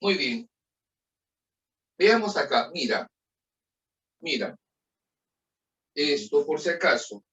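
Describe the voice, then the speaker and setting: Chilean man teaching class, slow and deliberate, bright voice, far from the mic. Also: fairly high pitch, muffled recording. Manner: drills answers in slow, even call-and-response; explains patiently, checking with frequent questions. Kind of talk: online class lesson. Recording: roomy, distant from the mic.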